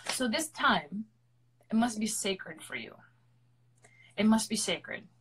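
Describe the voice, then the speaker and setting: A woman's voice: mid-range voice, animated, takes it slowly, a bit bright, husky, rough recording. Earnest woman explaining at length. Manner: earnest, explanatory, repeats points for emphasis. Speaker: opera singer, interview guest. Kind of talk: live online interview.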